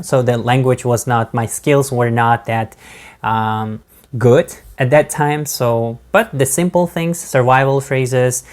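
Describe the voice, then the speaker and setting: This vlogger, a non-native English speaker with an accent, chats casually to the camera about his studies in a mid-range voice. His speech is halting, broken by restarts, frequent fillers and laughter between words.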